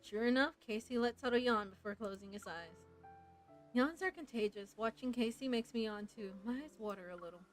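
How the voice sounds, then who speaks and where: Brief: young woman, fairly high voice, reads game text aloud with lively casual reactions. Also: a little fast, soft background music, rough recording. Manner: reads story text aloud with chatty excited asides. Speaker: gamer reading a story game aloud. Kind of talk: casual playthrough narration.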